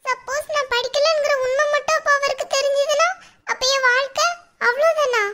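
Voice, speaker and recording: A very high, bright and piercing cartoon voice of a young married village woman, acted by a woman. She sounds tearful and anxious, fretting aloud in despair. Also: fairly even intonation, fairly quick. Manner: tearful, despairing, talks to herself. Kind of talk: cartoon voice acting.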